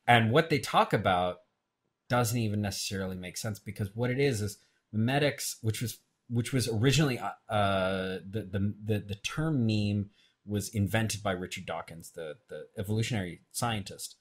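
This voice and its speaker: A man's voice: fairly low pitch, normal speed. A man, a filmmaker guest, talking in a casual interview, often hesitating and repeating words. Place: radio show studio.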